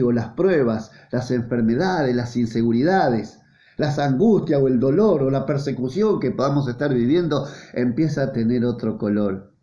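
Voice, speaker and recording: A man's voice: a little high, dark tone. A man, a pastor preaching a sermon in an earnest, repetitive way, his voice rising and falling. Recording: roomy, dull lo-fi church sound.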